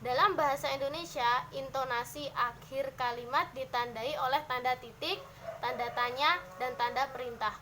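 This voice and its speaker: Young woman student presenting, high bright voice, steady list-like reading, slight hiss behind. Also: low-quality recording. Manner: measured, list-like delivery with occasional hesitations. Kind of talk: class presentation on syntax.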